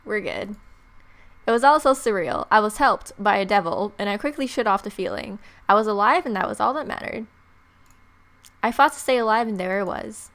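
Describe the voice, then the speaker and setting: The voice is medium-pitched, animated, and a bit bright at a normal speed: a young woman hosting a let's-play video. With game music behind her, she reads narration expressively and mixes in casual, playful comments.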